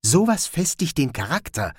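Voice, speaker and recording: A man's voice: on the high side, sing-song, moderate pace, slightly rough, dry recording, clean studio sound, voice pushed up, heavily acted. A man voicing a small, naive and trusting man who speaks earnestly and eagerly.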